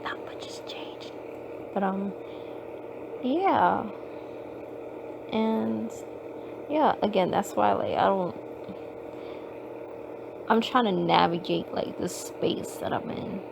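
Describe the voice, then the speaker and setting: A woman's voice: mid-range voice, takes it slowly, vocal fry, pauses often, noisy background. Rambling woman recording on her phone. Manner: rambling, heavy "like" fillers, frequent swearing. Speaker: podcast host. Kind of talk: casual rambling monologue. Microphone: phone microphone.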